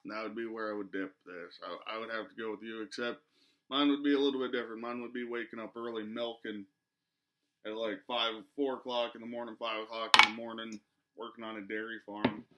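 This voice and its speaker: A man's voice: fairly low pitch, steady tone, fairly quick. Young man, mouth packed with dip. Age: 20s. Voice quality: speech slightly muffled by a lip packed with dip. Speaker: product reviewer. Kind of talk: casual chat review. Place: small living room, indoors.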